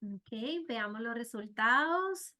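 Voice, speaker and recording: Taking it slowly, a middle-aged woman with a Puerto Rican Spanish accent runs a webinar for healthcare providers as program director. Her fairly high, sharp voice has lively intonation, and her earnest delivery is full of fillers and "¿verdad?" tags.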